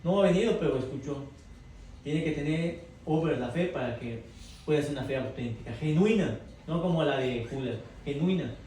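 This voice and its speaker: A man's voice: fairly high pitch, expressive, normal speed, mellow. A man leading an interactive Bible class, quizzing the group and tagging his points with "right?". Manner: asks the group questions, tags lines with "verdad?". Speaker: Bible study teacher. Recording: echoey room from far off, faint noise.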